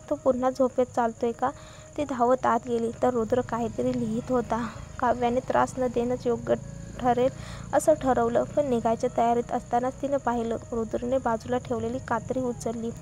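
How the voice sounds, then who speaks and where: A woman narrating a serial romance story in an even, flat reading voice. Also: a little high, creaky, slight background noise.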